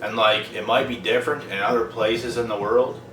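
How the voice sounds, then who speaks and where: A man's voice: lowish voice, fairly even intonation, moderate pace, sharp tone, distant mic. Blunt, profane young man, off-mic. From Prince Edward Island, Canada. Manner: blunt, profane, emphatic repetition. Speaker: vlogger. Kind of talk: casual monologue to camera. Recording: roomy, off-mic, noisy background.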